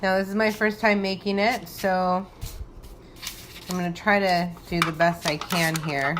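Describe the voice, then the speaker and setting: Unhurried and fairly even, a woman's lowish voice carries an informal cooking demonstration in her home kitchen, where she giggles and thinks aloud in a tipsy, loose manner. The homemade recording picks up noisy kitchen ambience.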